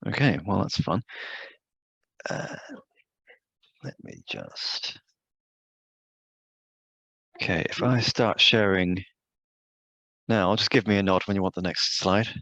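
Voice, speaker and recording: A man moderating a conference session over a video call, brisk and helpful. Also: deep voice, big pitch swings, vocal fry, pushed and bright, no room sound, highs cut off.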